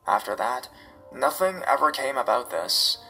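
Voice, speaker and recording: A man narrates first-person horror stories in a steady, measured read. His voice is bright and forward, with soft music running faintly beneath. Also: medium pitch, low-quality recording.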